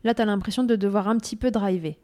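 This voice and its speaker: A woman's voice: mid-range voice, steady tone, quick pace, warm tone. Woman interviewer, supportive, paraphrases the guest. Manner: supportive, sums up the guest's words. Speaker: host.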